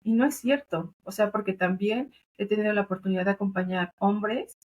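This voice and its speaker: A woman's voice: mid-range voice, fairly even intonation, brisk, darkish tone, dull audio. A woman with a Mexican accent, a doula and thanatologist, explaining earnestly in a conversational interview, with many fillers and tag questions. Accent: Mexican Spanish. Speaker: doula and thanatologist, podcast guest.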